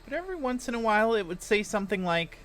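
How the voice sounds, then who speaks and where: A woman's voice: mid-range voice, very animated, fast talker, a bit bright. A woman giving a casual, candid voice-over narration as host of a ghost-hunting vlog.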